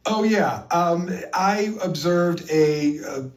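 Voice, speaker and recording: A man's voice: a little high, slow. Earnest man, heard from a distant mic. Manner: earnest, emphatic, with many fillers. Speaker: interview guest. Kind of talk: recounting experiences in an interview.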